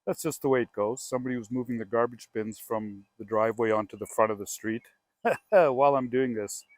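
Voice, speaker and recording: A man's voice: medium pitch, fairly quick, no room sound. A man with a Canadian accent, hosting his own real estate show outdoors, telling a story casually and acting out both sides of a phone call. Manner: chatty and animated, acts out both sides of phone calls. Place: outdoors by a house.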